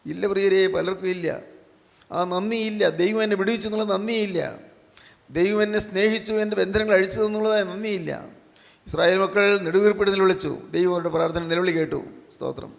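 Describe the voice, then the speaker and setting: A man's voice: high-pitched, flat delivery, fast, gravelly. A man preaching a sermon, repeating his phrases and asking the listeners question after question. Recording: echoey hall with long reverb.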